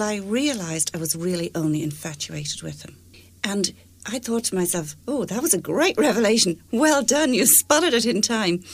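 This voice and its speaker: A woman's voice: on the low side, dry recording. Earnest woman on radio. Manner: earnest, anecdotal. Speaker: radio show co-presenter. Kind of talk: conversational discussion.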